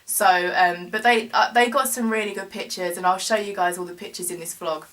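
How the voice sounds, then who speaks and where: A woman's voice: mid-range voice, steady tone, fairly quick, a bit bright. A young woman, recounting a story in a rambling vlog chat full of "like" and bursts of laughter. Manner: rambling, filler-heavy, laughs through the telling. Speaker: vlogger. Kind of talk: casual storytelling.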